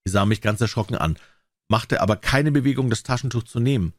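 A man narrating a classic story as an audiobook reader, with expressive, varied intonation. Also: medium pitch, quick pace, no echo, clean studio sound.

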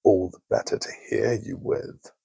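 A man voicing a sly, hungry male wolf in a bedtime storybook reading, coaxing and then low and menacing. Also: steady tone, unhurried, gravelly, mellow, breathy edge, dry recording, exaggerated voice.

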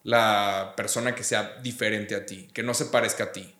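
On a casual podcast, a guest from Monterrey, Mexico talks bluntly, with plenty of slang and profanity, in an echoey room. His lowish voice holds a fairly even intonation at normal speed, with a bright, forceful tone.

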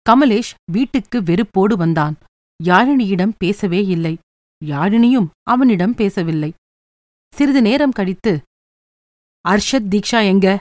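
A woman narrating a short story in an even, measured reading. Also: medium pitch, dry recording, clean studio sound.

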